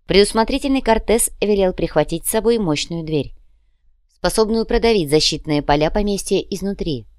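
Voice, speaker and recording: A woman narrating an urban fantasy audiobook with a steady, even reading. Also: mid-range voice, moderate pace, no room sound, studio quality.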